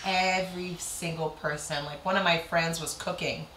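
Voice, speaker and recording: A woman comedian from Canada chatting casually as a guest, telling lively stories. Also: fairly low pitch, normal speed, echoey room, slight background noise, low-quality recording. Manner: animated storyteller, mock voices for quotes. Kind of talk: casual chat. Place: kitchen during a cooking show.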